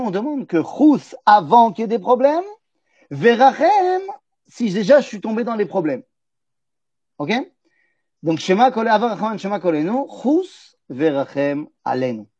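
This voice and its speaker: A man with a fairly high but dark, husky voice gives a lively Torah lesson. He unpacks Hebrew words and puts questions to his listeners before answering them. The recording is dry and a little dull. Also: dry recording. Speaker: Torah teacher.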